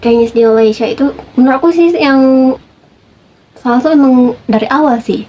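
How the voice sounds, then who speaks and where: A woman hosting a reaction video, talking in a chatty, relaxed way with quick interjections. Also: high voice, rough recording. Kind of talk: casual reaction commentary.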